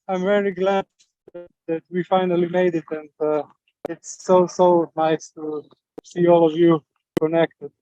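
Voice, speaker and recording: Hesitant, slow-talking man, soft and dull-sounding. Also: a little high, little pitch movement, no echo, soft background music. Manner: hesitant, halting with many fillers. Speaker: community co-founder, life coach. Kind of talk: casual video message. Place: outdoors in woods, running.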